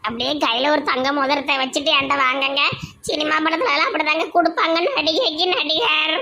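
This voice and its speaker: A woman's voice: sits high, fairly quick, sharp tone, slight background noise. A woman playing a teasing village wife. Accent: Tirunelveli Tamil. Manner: teasing, mocking, whiny. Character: teasing chatty village wife, young adult. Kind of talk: cartoon dialogue.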